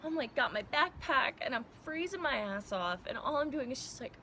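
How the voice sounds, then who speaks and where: A young woman from Iowa chats to camera about her life in an animated, laughing way, her voice sitting a little high. She acts out the people she quotes and swears casually. Faint ambience hums behind her. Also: a little fast, slight background noise. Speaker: vlogger.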